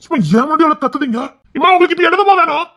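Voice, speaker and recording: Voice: sits high, bright, forceful tone. A performer playing a blunt young husband, a police officer who argues with his mother in a family drama skit. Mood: arguing. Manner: blunt, rapid, scolding.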